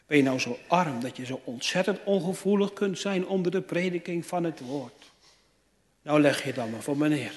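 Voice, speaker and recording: A man preaching a sermon, slow and emphatic, with rising fervent appeals and searching questions to his hearers. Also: fairly high pitch, animated. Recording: church hall with long reverb.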